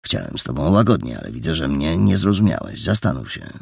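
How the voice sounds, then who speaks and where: A man voicing a mysterious, cunning stranger who questions a boy in a gentle, coaxing way. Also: rumbling low, very animated, fairly quick, vocal fry, husky, no echo, clean studio sound, pitched below the performer's own voice, exaggerated voice. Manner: gentle, coaxing, then sharp. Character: mysterious grown man, soft-spoken, cunning interrogator.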